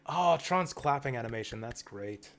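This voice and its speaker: A man's voice: mid-range voice, animated, moderate pace, fairly bright tone. A man streaming a game, giving casual, rambling, enthusiastic fan commentary. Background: video game music and dialogue.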